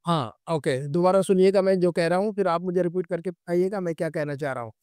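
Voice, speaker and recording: A man teaches an Arabic lesson online. His voice sits high and sounds smooth and clear, recorded dry and close. He goes patiently, repeating each point and checking in with his students. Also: a little mellow, no room sound. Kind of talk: online class lecture.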